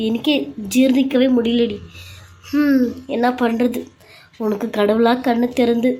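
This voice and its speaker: A woman's voice: a little high, mellow, slight background noise, natural voice, poor audio. A woman voicing a caring older sister figure who scolds and consoles a younger wife in a family serial drama.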